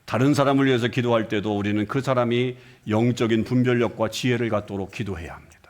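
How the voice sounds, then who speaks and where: A middle-aged man preaching a sermon as senior pastor, asking the congregation rhetorical questions and acting out short dialogues. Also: fairly high pitch. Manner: acts out short dialogues with shifting voices. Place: church sanctuary.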